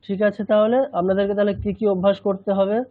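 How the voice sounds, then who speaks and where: A man teaching a chanting class, patiently explaining and slowly repeating sounds, sometimes switching into English. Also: high-pitched, little pitch movement, no room sound. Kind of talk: online language lesson. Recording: tinny phone-like line.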